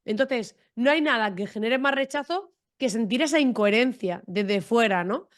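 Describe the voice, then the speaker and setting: A woman's voice: a little high, expressive, normal speed. Frank, direct woman from Almería. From Almería, Spain. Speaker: guest entrepreneur. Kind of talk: podcast interview.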